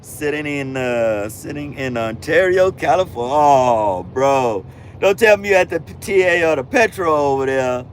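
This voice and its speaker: A man's voice: on the high side, expressive, measured pace, a little hiss or hum. A man in his fifties, a truck driver hosting a casual livestream, answering viewer comments and calling them bro and fam. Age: 50s. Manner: laid-back slang-heavy talk, calls viewers bro and fam.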